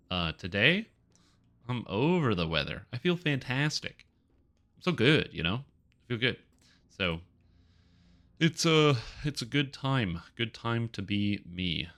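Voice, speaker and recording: On a gaming live stream, a man rambles casually to himself and his viewers, close to the mic. His congested, nasal voice is fairly low and sharp in tone.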